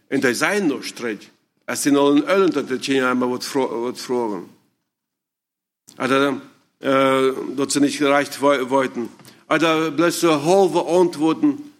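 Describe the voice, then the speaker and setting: A man giving an informal talk to parents, halting and searching for words as he asks the audience questions. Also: fairly high pitch. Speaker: speaker addressing parents.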